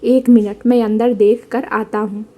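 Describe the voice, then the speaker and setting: A woman's voice: on the high side, steady tone, a little slow. A woman voicing a young husband who patiently and teasingly corrects his wife. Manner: gently correcting.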